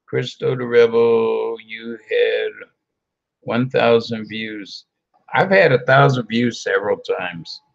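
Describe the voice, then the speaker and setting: A man hosts a casual late-night livestream, joking his way through the chat. His voice is gravelly with fry, and he talks slowly and unhurriedly. The video call audio sounds dull and lo-fi. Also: medium pitch. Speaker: host of a late-night live show.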